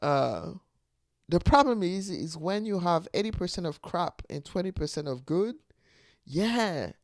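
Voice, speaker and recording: A man's voice: sits high, animated, normal speed, no echo, clean studio sound. A man hosting his own show, talking through ideas in a casual, reflective monologue with a foreign accent, often breaking into laughter. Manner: speaks with a non-native accent. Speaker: podcast host.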